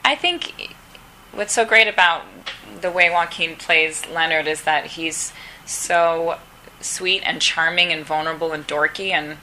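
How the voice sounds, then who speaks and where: Low, bright-toned chatty actress. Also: female voice, unhurried, a little hiss or hum, poor audio. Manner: chatty, acts out quoted dialogue. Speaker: actress interviewed at a press round table. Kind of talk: casual interview answers. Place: press round table.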